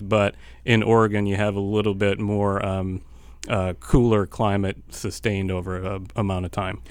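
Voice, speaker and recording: A man's voice: fairly low pitch, clean tone, no room sound. A man from Buffalo, New York with a Western New York accent, a guest chatting easygoingly about wine on a radio show in a studio, with many fillers. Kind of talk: casual radio chat.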